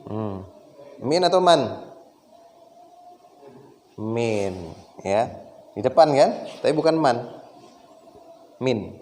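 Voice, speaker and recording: A man's voice: medium pitch, lively intonation, very slow, long pauses, darkish tone. A man teaching an Arabic lesson, patiently asking the class questions and then answering them himself. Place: meeting room.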